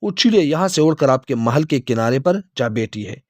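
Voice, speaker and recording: A man's voice: medium pitch, animated, a little mellow, no echo, studio quality, lightly acted. A man voicing the fields as a polite, deferential speaker in a storybook tale.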